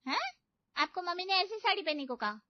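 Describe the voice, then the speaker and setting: A woman's voice: very high voice, sing-song, fairly quick, no room sound, dull audio, pitched above the performer's own voice. A woman voicing a teasing, giggly young sister-in-law in a cartoon story.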